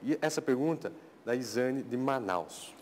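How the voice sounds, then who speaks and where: A man's voice: mid-range voice, animated, measured pace, a little hiss or hum. A man with a Brazilian Portuguese accent hosting a live video chat, reading viewers' questions and prompting the pastor with short, friendly replies. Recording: reverberant studio.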